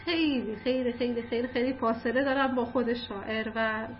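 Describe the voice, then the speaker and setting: A woman's voice: a little high, fairly even intonation, muffled recording, slight background noise. A woman teaching literature in a casual, conversational way, explaining with examples and light asides.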